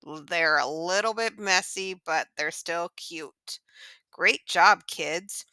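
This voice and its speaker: A woman's voice: fairly low pitch, slow, sharp tone, clean tone, no room sound. A woman voicing a cute, cheerful male pixie pig who hosts a children's farm-sounds lesson. She gushes over the animals and keeps encouraging the kids to join in. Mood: sweet, encouraging. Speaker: children's show host.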